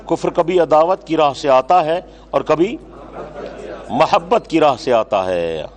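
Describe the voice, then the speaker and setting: A man teaches a religious class in a slightly high voice. He dictates slowly, repeats each phrase for note-taking, and quizzes his students sharply. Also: very animated, a faint crowd. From Pakistan. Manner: scolds and quizzes students brusquely. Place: lecture hall with students.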